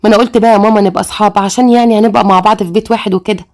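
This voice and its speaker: A woman's voice: mid-range voice, fairly even intonation, racing, darkish tone, close to an everyday voice. A woman voicing a friendly, eager young woman in an Egyptian accent, speaking in an admiring, easygoing way.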